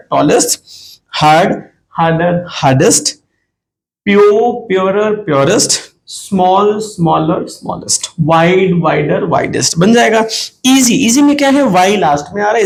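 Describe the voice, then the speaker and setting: A man with an Indian English accent explains grammar rules one at a time, repeating each word form with care. His voice sits high and has a gravelly edge. He speaks at an unhurried pace. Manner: explains step by step, repeating word forms slowly. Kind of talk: classroom grammar lesson mixing Hindi and English.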